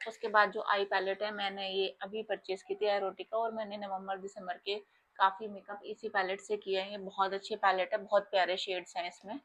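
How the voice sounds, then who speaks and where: A woman's voice: medium pitch, level tone, brisk, fairly bright tone. A young woman with an Indian accent walks through her makeup artist's kit in a casual, chatty way. She explains each product step by step and speaks straight to her viewers.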